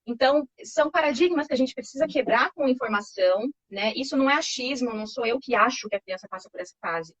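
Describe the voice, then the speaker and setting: A woman, calmly explaining baby development as an interview guest, reassuring and patient, often checking in with tag questions. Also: sits high, fast, few pauses, dry recording. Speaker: child development expert guest. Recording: slightly muffled lo-fi recording.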